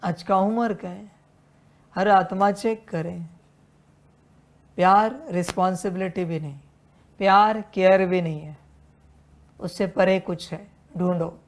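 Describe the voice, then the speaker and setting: Woman, devotional sermon, spiritual teacher, very slow delivery, lowish voice, admonishing, rhetorical questions. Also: steady tone. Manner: slow, admonishing, addresses listeners as children; repeats refrains and rhetorical questions.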